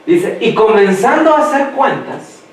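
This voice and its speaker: A man preaching a sermon who quizzes the congregation and lets them finish his sentences, slowing down to read scripture aloud. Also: high-pitched, very animated. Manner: slows down when reading scripture aloud. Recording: echoey hall, mic far off.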